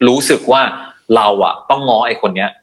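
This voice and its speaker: A man's voice: mid-range voice, a little fast. A man on a podcast as an HR guest, talking bluntly about work and acting out bosses in a casual chat. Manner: blunt, acts out bosses with laughs.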